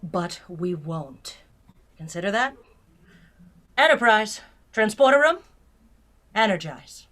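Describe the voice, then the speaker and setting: A woman playing a principled, composed female starship captain in a sci-fi fan audio drama, speaking in a measured, formal way. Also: medium pitch, big pitch swings, a bit bright. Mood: composed, firm.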